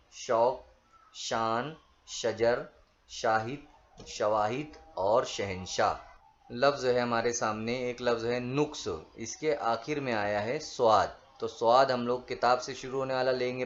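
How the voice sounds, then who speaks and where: A man teaching a school lesson, reading out word lists one word at a time in a slow, measured way. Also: medium pitch, a bit bright. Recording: dull lo-fi recording.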